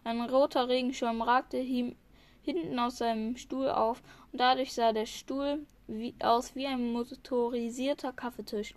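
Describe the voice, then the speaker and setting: A woman's voice: a little high, fairly even intonation, a little slow. A woman reading a novel chapter aloud, often stumbling and restarting words. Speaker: reader.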